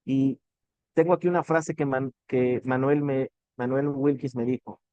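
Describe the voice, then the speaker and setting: A man's voice: medium pitch, steady tone, measured pace, no echo, muffled recording. A man with a Mexican accent giving an earnest motivational talk, addressing the listener directly and swearing casually. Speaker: motivational business speaker.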